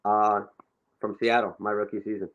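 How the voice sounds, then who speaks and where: A man's voice: on the low side, flat delivery, moderate pace, muffled recording. Laid-back young man telling soccer stories. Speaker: professional soccer forward, interview guest. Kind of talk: casual interview storytelling.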